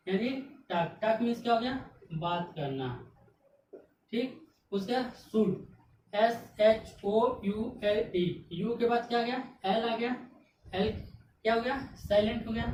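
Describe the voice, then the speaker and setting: A woman's voice: fairly high pitch, a little mellow. A woman teaching English grammar, spelling words out letter by letter and answering her own questions. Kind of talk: classroom-style grammar lesson. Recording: echoey room, mic at a distance, faint noise.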